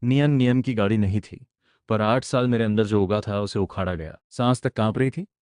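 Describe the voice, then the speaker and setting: A man tells a story recap in the first person, keeping a steady and even delivery. His voice sits on the low side. The close voice-over mic gives a dry sound with no room to it. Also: moderate pace, dry recording. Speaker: recap narrator.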